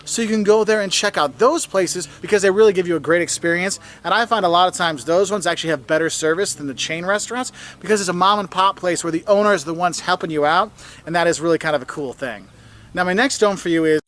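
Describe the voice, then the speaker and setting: Lively high-voiced man. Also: fast talker. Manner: enthusiastic, jumps up in pitch for quoted phrases. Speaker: travel video host. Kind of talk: travel advice video.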